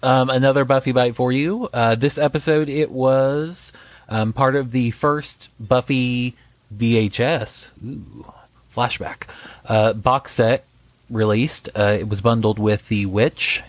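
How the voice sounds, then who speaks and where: A man's voice: mid-range voice, steady tone, slow, dry recording. A man co-hosting a podcast, chatting casually and joking about a TV show, with plenty of fillers. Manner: laid-back, jokey, trails off in fillers. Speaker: podcast co-host.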